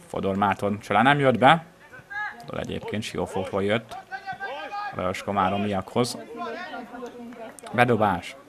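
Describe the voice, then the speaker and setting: A man with a fairly low voice calls a football match live from the ground outdoors. His play-by-play stays measured and descriptive, lifting into excitement whenever a chance develops. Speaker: football commentator. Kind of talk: live match commentary of amateur regional football.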